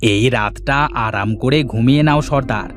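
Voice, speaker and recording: A man's voice: mid-range voice, measured pace, over music, natural voice. An actor voicing an eager, servile male bandit henchman in a cartoon. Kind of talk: cartoon voice acting.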